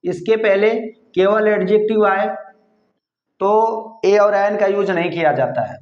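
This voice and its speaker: A man teaching English grammar in Hindi, explaining slowly and repeating himself, spelling words out letter by letter. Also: high-pitched, a little mellow. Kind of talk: Hindi-language grammar lesson. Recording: echoey room, slightly dull sound.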